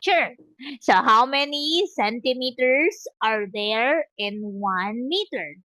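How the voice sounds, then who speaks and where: High, slow, patient woman tutor. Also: lively intonation, sharp tone, no echo. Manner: slow, patient, explains step by step. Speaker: English tutor. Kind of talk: online one-on-one English lesson.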